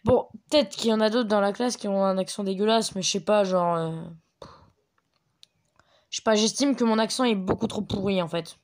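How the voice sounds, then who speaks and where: A woman giving rambling, chatty commentary on a mobile game from her bedroom at home. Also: mid-range voice. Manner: chatty, rambling, quick to get excited. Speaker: gameplay commentator. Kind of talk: casual gaming commentary.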